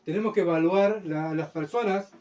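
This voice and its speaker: A man's voice: moderate pace, a little mellow, dull audio. A man preaching a sermon as pastor, with a Uruguayan Spanish accent, talking emphatically and checking often that his congregation follows him. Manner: emphatic, keeps asking the congregation "¿Se entiende?"; mocks complainers in a whiny high voice.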